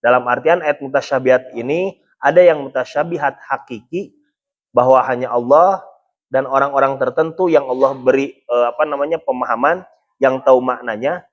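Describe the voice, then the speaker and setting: A man's voice: mid-range voice, moderate pace, highs cut off. A man teaching a Quran study lecture in a patient, explanatory way, often adding a checking "ya". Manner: explanatory, repeating "ya" to check understanding. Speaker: Islamic religious teacher.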